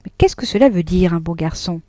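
A woman's voice: fairly low pitch, lively intonation, a little fast, mellow, no echo, studio quality, lightly acted. A woman voicing a wronged wife who presses her husband impatiently and coldly, in a read-aloud novel. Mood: bitter. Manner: impatient, cold, pointed.

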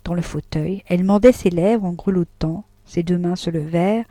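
A woman reading a classic novel aloud, measured and subdued in the narration. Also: on the low side, warm tone, dry recording.

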